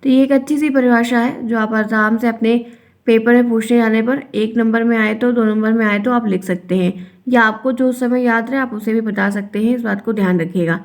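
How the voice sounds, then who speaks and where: Young female teacher, higher register, patient and repetitive explainer for an online lesson. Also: steady tone, moderate pace. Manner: explains by repeating, acts out example sentences. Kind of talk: online Hindi grammar lesson.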